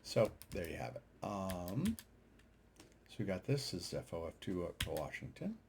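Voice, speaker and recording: Over a screen share of data charts, an amateur radio operator who hosts videos offers loose, unscripted commentary, hesitating and thinking out loud. His low voice is creaky and swoops wildly in pitch at a normal speed, and there's background noise.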